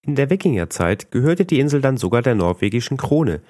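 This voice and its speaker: A man from northern Germany with a northern German accent, calmly reading a scripted podcast narration with a slight mumble. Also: medium pitch, fairly quick, no room sound, studio quality. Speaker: podcast host.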